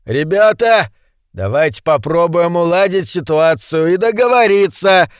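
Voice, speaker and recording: A blustering, self-important male politician from an audiobook, voiced by the narrator. His protests come out high and indignant, recorded close and dry. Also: animated, takes it slowly, no room sound. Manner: indignant, hoarse outbursts.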